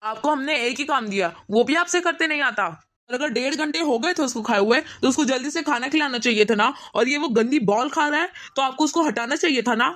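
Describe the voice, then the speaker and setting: A woman's voice: high voice, a little fast, fairly bright tone. Woman voicing a curt young cartoon husband. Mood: impatient. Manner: curt, impatient with his mother. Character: young married man, meek and dismissive son. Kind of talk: cartoon voice acting.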